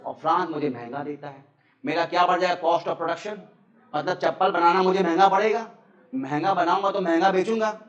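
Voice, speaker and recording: Male teacher, Indian accent, question-led lecture style; slightly high voice, distant muffled mic in an echoey classroom. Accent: Indian English. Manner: explains with questions, addresses students as "beta".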